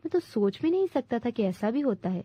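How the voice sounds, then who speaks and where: A woman's voice: fairly high pitch, big pitch swings, dark tone, breathy edge, no room sound. A woman voicing a young boy king who speaks with simple earnestness and gives orders with pride. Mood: earnest. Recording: dull dry recording.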